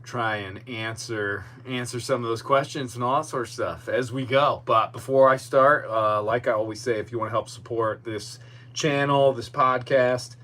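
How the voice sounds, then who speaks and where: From outdoors in a boatyard, a man hosts a casual solo podcast livestream, rambling and making fun of himself. He speaks at normal speed in a steady, mid-range, fairly bright voice through a podcast microphone, with noticeable background noise and hum.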